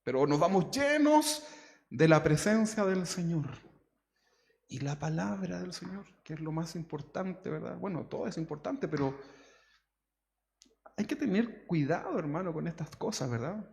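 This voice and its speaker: A man's voice: fairly high pitch, animated, a little slow, gravelly, darkish tone. A man preaching a conversational sermon, always adding tag questions to his congregation. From Chile. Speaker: pastor. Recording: long church hall reverb.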